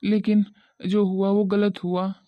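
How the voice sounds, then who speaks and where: A woman's voice: mid-range voice, level tone, takes it slowly, no echo, lightly acted. A gossipy middle-aged village uncle, voiced by a woman, rambles on tactlessly in this cartoon. The audio is muffled and dry. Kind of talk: cartoon voice acting.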